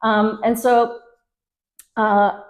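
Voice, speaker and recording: A woman's voice: on the high side, little pitch movement, very slow, rough recording. A middle-aged woman from Belgium with a slight Belgian accent, chatting casually as an interview guest with many fillers. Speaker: guest, luxury travel advisor.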